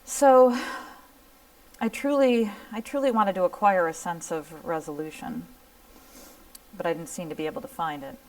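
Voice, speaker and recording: A woman's voice: deep voice, brisk, dry recording, far from the mic, poor audio. A middle-aged woman giving an earnest personal testimony talk, acting out the dialogue as she tells the story. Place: lecture room.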